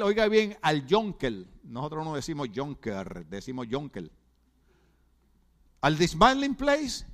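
A man's voice: very high voice, a bit bright. A middle-aged Puerto Rican man preaching a sermon, throwing rhetorical questions at the congregation with humorous asides. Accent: Puerto Rican Spanish. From Puerto Rico. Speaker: pastor.

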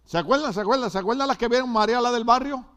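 Older man, Puerto Rican accent, pastor preaching, high voice, repeats phrases for emphasis. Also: racing, a bit bright. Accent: Puerto Rican Spanish. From Puerto Rico. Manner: emphatic preaching with repetitions and asides to the congregation. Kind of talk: sermon.

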